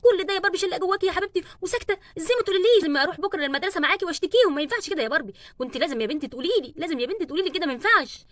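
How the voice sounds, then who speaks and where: A worried, protective mother, voiced by a woman with an Egyptian accent, coaxing gently in a doll play story. The voice stays very high and moves fast. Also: lively intonation, no echo. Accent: Egyptian Arabic.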